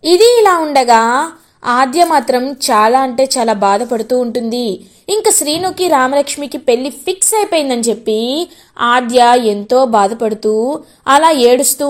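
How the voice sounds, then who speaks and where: High-voiced woman recapping a serial. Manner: animated, jumps into voicing each character's lines. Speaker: narrator retelling a TV serial episode. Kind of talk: casual storytelling recap with acted dialogue.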